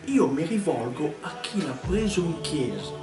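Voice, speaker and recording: A man's voice: a little high, sing-song, moderate pace. A man doing a flustered scolding village priest. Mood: exasperated. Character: exasperated middle-aged male parish priest. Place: restaurant pizzeria. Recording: echoey, distant, loud music behind.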